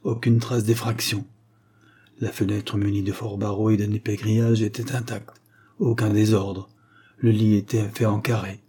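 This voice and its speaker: A man narrating a detective story aloud in steady, measured storytelling. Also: lowish voice, husky. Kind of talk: audiobook reading of a detective story.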